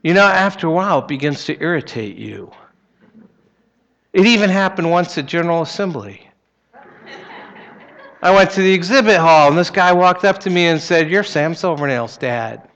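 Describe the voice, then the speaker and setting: A middle-aged male pastor with an American accent delivers a sermon. His voice is slightly higher than most men's. He speaks plainly and conversationally, as if chatting with people he knows. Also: normal speed, pauses often, fairly bright tone, dull audio. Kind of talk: sermon with prayer and personal anecdotes.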